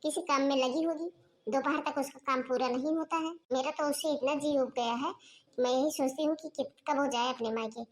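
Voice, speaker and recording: A woman's voice: sits high, steady tone, brisk, close to an everyday voice. A woman voicing a bossy, scheming middle-aged mother-in-law who scolds her daughter-in-law in a cartoon. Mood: complaining. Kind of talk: cartoon dubbing.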